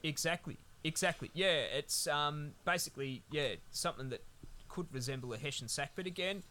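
A man's voice: a little high, brisk, pushed and bright. A man co-hosting a podcast, recapping a film in a rambling, sweary, laid-back way. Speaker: podcast co-host. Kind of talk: casual film-review chat.

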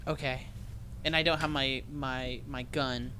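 A man's voice: medium pitch, fairly even intonation, bright, forceful tone, slight background noise. A man playing in a tabletop game, tentative and trailing off as he asks questions. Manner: tentative, trailing off, quick to laugh. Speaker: player. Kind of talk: casual tabletop play.

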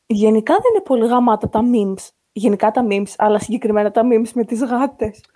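A woman co-hosting a podcast in casual chat, talking in a chatty, animated way. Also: on the high side. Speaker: podcast co-host.

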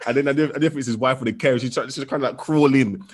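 A young man co-hosting a podcast, relaxed casual chat with lots of bro and innit. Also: medium pitch, rapid-fire. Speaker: podcast co-host.

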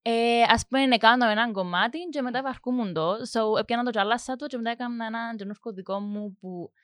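A woman's voice: on the high side, fairly bright tone, no echo, clean studio sound. A young woman with a Cypriot Greek accent, a music production student answering interview questions casually, hesitating with many fillers and mixing in English words. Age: young adult.

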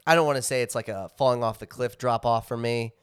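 A man's voice: medium pitch, steady tone, quick pace, a bit bright, clean tone, dry recording, studio quality. A man and father co-hosting a casual podcast, musing at length and laughing mid-sentence. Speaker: podcast co-host. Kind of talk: casual chat.

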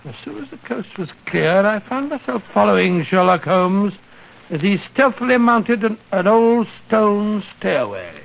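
An actor playing a bumbling, nervous British doctor and sidekick, stammering and huffy, in 1940s radio style. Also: male voice, sits high, very animated, measured pace, creaky, full character voice. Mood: storytelling. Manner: stammering, huffy, old-fashioned British idiom. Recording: dull 1940s radio recording.

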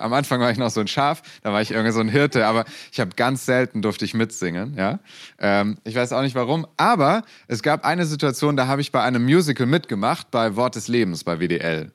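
Lively young pastor preaching. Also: male voice, medium pitch. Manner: lively, conversational storytelling to a congregation. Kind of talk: sermon.

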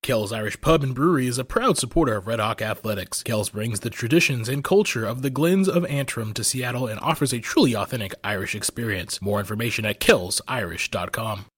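A man's voice: medium pitch, lively intonation, fairly quick, few pauses, fairly bright tone, breathy edge. A young man hosting a student sports radio show, upbeat, introducing guests and reading sponsor spots.

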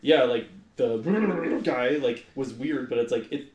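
A man's voice: mid-range voice, animated, takes it slowly, darkish tone, echoey room. A man co-hosting a casual podcast chat, rambling and saying "like" constantly. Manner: rambling, heavy use of "like". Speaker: podcast co-host.

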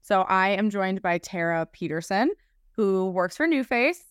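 A woman's voice: mid-range voice, animated, unhurried, clear, resonant tone, no room sound, studio quality. A woman hosting a podcast in a casual, chatty way, with informal phrasing peppered with "like". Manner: informal, frequent "like" as filler. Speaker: podcast host.

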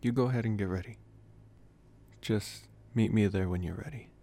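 Playing a smitten young college vampire in an intimate ASMR roleplay, a man uses a lowish, creaky voice in a gently teasing mood. He's soft and tender, hesitant, with affectionate pauses.

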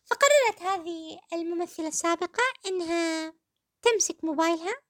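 Kuwaiti woman podcast host, quick, high-pitched, mocking commentary in a dry booth. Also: dry recording. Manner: sarcastic, addresses listeners fondly. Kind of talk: satirical commentary.

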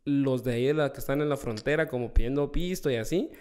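A comedian from Guatemala with a Guatemalan accent, telling a story in casual chat, swearing and acting out other people's voices. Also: male voice, mid-range voice, fast talker, darkish tone, smooth. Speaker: comedian guest.

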